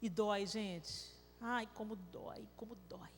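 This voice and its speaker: Her mid-range voice steady and her pace measured, a woman with a Brazilian accent preaches an emotional sermon live in a large church hall, her story swelling into tearful outbursts. The recording has a long reverb.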